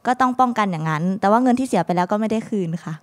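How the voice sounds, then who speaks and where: Young female student with slightly raised pitch. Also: lively intonation, very fast. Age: young adult. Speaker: university student. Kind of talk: answering on a talk show. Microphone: handheld mic.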